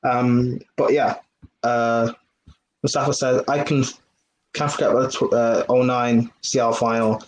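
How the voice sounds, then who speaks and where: A man's voice: mid-range voice, flat delivery, measured pace, slight background noise, rough recording. A man hosting a football podcast, introducing the panel and reading viewer comments with lots of ums. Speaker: host.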